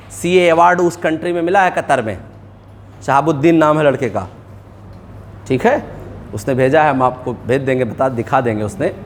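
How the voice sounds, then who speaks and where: High-voiced man teaching an accounting class. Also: slight background noise. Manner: mixes English terms into talk, asks students questions. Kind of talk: classroom lecture.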